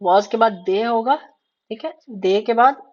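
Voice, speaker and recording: A woman's voice: fairly high pitch, slow, darkish tone. Woman teaching shorthand, dull audio. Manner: explains step by step, repeats "ठीक है" often. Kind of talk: casual spoken tutorial.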